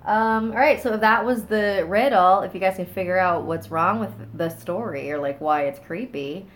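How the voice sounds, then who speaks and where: Over slight background noise, a woman with a mid-range voice talks at normal speed while hosting a casual stream filmed on a phone on a small stand. She's stuffy-nosed, giggly and chatty, thanking viewers, reading scary stories and sometimes letting sentences trail off.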